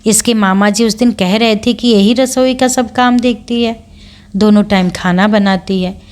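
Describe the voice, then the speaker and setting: A woman reading the part of a kind, affectionate middle-aged mother who questions her son warmly and teasingly. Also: medium pitch, fairly even intonation, measured pace, close to an everyday voice. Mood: amused.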